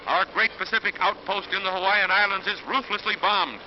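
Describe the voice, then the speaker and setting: A man's voice: high-pitched, brisk, a little hiss or hum. Man narrating an old newsreel. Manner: dramatic, emphatic announcing. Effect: old newsreel soundtrack. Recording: dull lo-fi 1940s film soundtrack with music.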